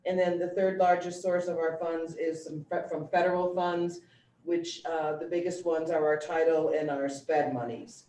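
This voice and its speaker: A woman giving an informal, explanatory presentation in a measured, matter-of-fact way. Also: sits low, steady tone, mellow. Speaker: school district finance presenter. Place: meeting room, relayed over a video call. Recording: echoey room, distant mic, faint noise.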